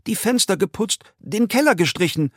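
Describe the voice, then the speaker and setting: A man voicing a frightened young worker pleading his innocence, in a high, cracking, hoarse voice. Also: lively intonation, moderate pace, fairly bright tone, dry recording, studio quality. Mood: pleading, panicked. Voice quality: hoarse, urgent.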